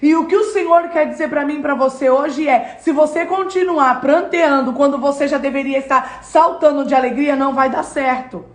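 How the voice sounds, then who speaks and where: A woman's voice: high voice, normal speed, hardly any pauses, roomy sound. A woman giving a devotional sermon-lesson, speaking emphatically in repeated phrases and addressing the listener directly. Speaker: devotional teacher.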